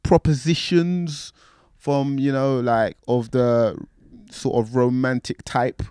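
A male interviewer talks in casual, laid-back street slang. His voice sits at an average male pitch, and the sound is dry with very little room. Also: level tone, slow pace, dark tone, clear, resonant tone, dry recording.

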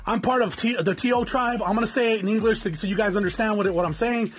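Fast-talking rambling man in his forties. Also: high voice, a little hiss or hum. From Southern California. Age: 40s. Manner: rambling, repeats words, cusses freely. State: stuffy nose. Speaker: podcast host. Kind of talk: casual unscripted podcast monologue. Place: home in the desert.

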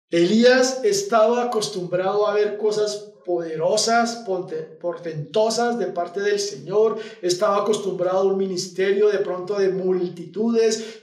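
A male youth pastor preaching a sermon, telling a scripture story dramatically and dropping to hushed, calming phrases, recorded from a distance in an echoey room. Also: sits high.

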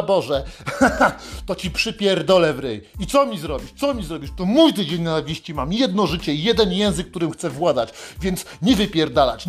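High-voiced man in a profane comic rant. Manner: aggressive, swearing constantly, mock motivational. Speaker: satirical anti-coach host. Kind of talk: profane satirical rant to listeners.

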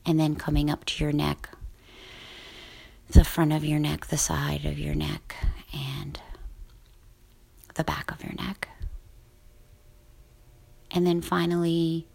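A woman guiding a sleep meditation in a soft, slow, soothing whisper. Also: sits low, flat delivery, gravelly. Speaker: guided relaxation host.

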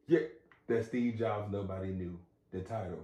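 A man's voice: lowish voice, normal speed, very noisy. Laid-back slangy male podcast host. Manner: loose, slangy and joking. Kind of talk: casual chat. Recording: roomy, distant mic, faint ambience.

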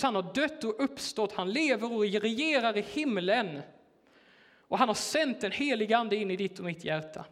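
A man's voice: high voice, a bit bright. A man preaching in a church, telling a personal story in a casual, hesitant way with many fillers. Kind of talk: sermon told as a personal story.

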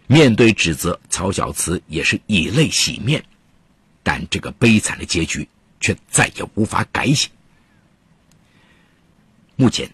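A male true crime narrator with a lowish, very husky voice. He tells the story in an emphatic, dramatic way, with lively swings in pitch. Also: no echo.

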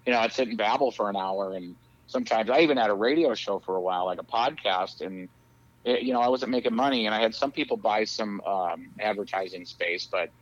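A man's voice: on the low side, fairly quick. A man chatting casually as a podcast guest, rambling with lots of fillers and frequent laughs, heard over a phone call. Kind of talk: casual chat. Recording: muffled lo-fi audio.

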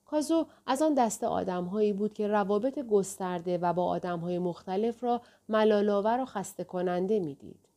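A woman narrating a novel in a calm, steady reading voice. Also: mid-range voice. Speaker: audiobook narrator. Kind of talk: scripted narration.

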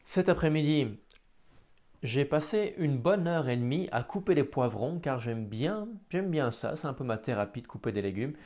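A man's voice: mid-range voice, expressive, normal speed, a little mellow. A tired man, talking alone in his home office for a daily diary podcast and stammering and restarting words now and then. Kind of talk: casual spoken diary podcast.

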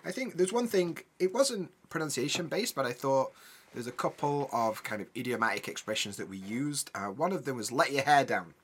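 Bright-voiced Yorkshire man, casual. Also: medium pitch, animated, a little fast, slightly rough. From Yorkshire, northern England. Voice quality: glottal stops for t. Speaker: English teacher, podcast host. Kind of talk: casual educational chat.

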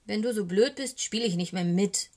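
A woman's voice: fairly low pitch, lively intonation, measured pace, husky. A woman doing a huffy bleating sheep. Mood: offended. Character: sulky offended sheep. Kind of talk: storybook reading.

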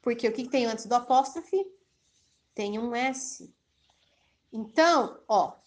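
Slow-paced woman teaching English. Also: fairly high pitch. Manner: switches between slow careful English examples and quick explanations. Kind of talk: recorded online lesson explaining grammar.

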